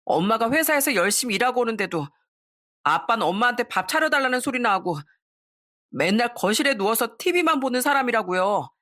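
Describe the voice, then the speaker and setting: A woman's voice: on the high side, lively intonation, a little fast, fairly bright tone, pitched above the performer's own voice. A woman voicing a defiant eleven-year-old boy who speaks up in a pointed, reproachful way.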